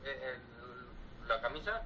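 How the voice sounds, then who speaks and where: A man's voice: medium pitch, sing-song, a little slow, pushed and bright, breathy edge, heavily acted. An actor playing a bumbling male servant who meekly and evasively answers his boss, from a dull old film soundtrack.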